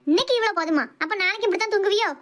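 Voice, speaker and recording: A woman voicing a scolding, self-pitying older mother-in-law in a cartoon, with a Thoothukudi Tamil accent and a wailing, nagging way of talking. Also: racing. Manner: shrill nagging, wailing complaints. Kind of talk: cartoon voice acting.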